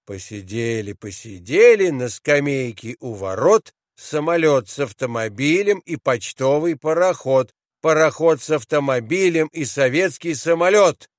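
A man's voice: on the high side, animated, a little slow, no echo, clean studio sound. A man reading a children's poem aloud in a rhythmic, sing-song cadence. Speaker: reader.

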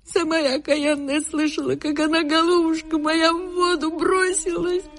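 A woman's voice: very high-pitched, flat delivery, normal speed, soft background music, pitched above the performer's own voice. A woman voicing a peasant maid who laments in a tearful, sing-song voice. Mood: lamenting.

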